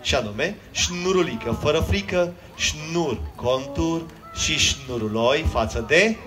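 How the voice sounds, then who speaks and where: A man's voice: a little high, animated, a bit bright, soft background music. A man, a children's magician, telling a comic story on stage and teasing the audience. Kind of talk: live comedic storytelling to a crowd. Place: outdoor stage at a water park. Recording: noisy live crowd.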